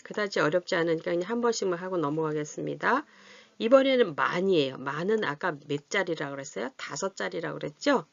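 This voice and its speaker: Here a woman with a lowish voice, lively intonation, and vocal fry teaches adult literacy learners to read and write large numbers in a math lesson. She's patient, keeps asking questions to make sure they follow, and counts slowly and drawn-out while writing. The dull, dry, lo-fi recording has no echo.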